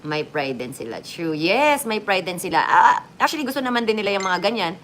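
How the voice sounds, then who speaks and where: A woman's voice: fairly quick, slight background noise. A woman chatting casually to her viewers as a vlogger, joking and swinging her voice up and down. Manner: chatty, lively swings in pitch and loudness, joking asides.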